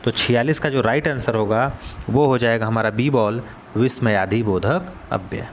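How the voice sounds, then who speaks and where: A man's voice: mid-range voice, normal speed, a little hiss or hum. A male coaching teacher with a Hindi accent going through exam questions. He asks the students, then answers and repeats the key words. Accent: Hindi, Varanasi region.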